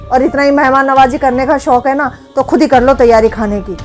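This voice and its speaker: An actress playing a blunt, snappish young daughter-in-law in a family drama who later turns self-reproaching. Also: female voice, medium pitch, fairly even intonation, moderate pace, dark tone, faint music behind, close to an everyday voice. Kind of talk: Hindi family drama acting.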